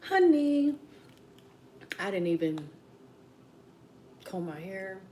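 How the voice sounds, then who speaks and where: A woman's voice: lowish voice, moderate pace, a little hiss or hum, rough recording. A woman with a Southern American accent hosting a late-night mukbang livestream from home, chatting casually and rambling to her viewers as besties. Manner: rambling, talks to viewers as besties, drops into quiet asides.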